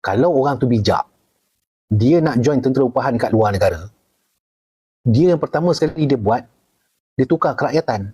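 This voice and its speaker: Husky Malaysian man, animated Q&A. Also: normal speed, long pauses. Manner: animated, leaps high for emphasis, keeps checking in with "okay?" and "right?". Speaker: retired army officer answering viewer questions. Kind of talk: casual live Q&A.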